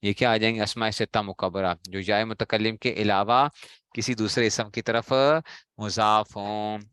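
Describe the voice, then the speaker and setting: A man's voice: lowish voice, flat delivery, moderate pace, fairly bright tone, smooth, dry recording. A man teaching Arabic grammar to a class, drilling his students with repeated questions and answers in a Pakistani Urdu accent. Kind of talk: classroom lecture.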